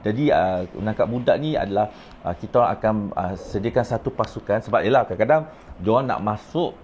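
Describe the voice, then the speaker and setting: A man's voice: on the low side, animated, fast, a little mellow, dull audio, slight background noise. A man, a rehab counselor telling stories about his clients in a casual, rambling way, dropping in English words. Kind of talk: casual storytelling vlog.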